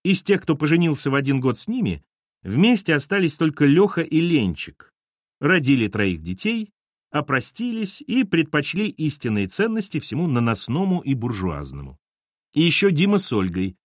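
A man narrating a novel in an expressive storytelling manner. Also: a little high, moderate pace, no echo, clean studio sound. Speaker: audiobook narrator. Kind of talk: scripted narration.

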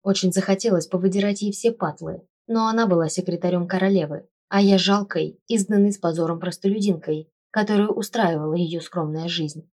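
Brief: woman audiobook narrator, lowish voice, wry and expressive. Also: brisk, hardly any pauses. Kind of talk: first-person audiobook narration.

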